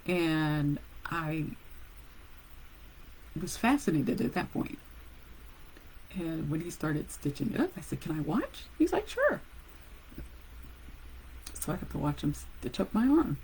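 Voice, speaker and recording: A woman who works as a nurse, casually telling a personal story with animated pauses and laughs. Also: low-pitched, slight background noise, poor audio.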